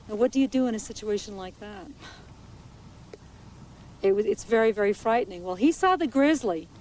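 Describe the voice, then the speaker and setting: A woman ranger tells her story in a documentary interview, her voice sitting at an ordinary middle pitch. She speaks in a measured way, pausing and restarting now and then. It is a 1980s VHS recording with a faint hiss underneath. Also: poor audio. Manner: measured, halting, with small restarts. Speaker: naturalist and park ranger. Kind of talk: interview recounting a bear attack.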